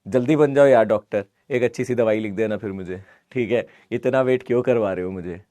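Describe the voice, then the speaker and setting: A man with a hoarse, sore voice, chatting casually as a live online physics teacher. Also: on the low side, brisk, dark tone, dry recording. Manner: chatty, repeats greetings, mixes English into Hindi. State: hoarse, sore throat from fever. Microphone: close mic, amplified.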